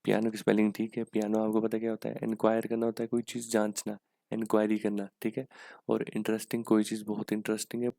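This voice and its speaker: A man's voice: on the low side, completely flat delivery, quick pace, vocal fry, warm tone, dry recording. A young Indian man teaching English for a government exam, patiently going through questions and asking rhetorical questions as he explains. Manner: patient, repeats "ठीक है" and asks rhetorical questions.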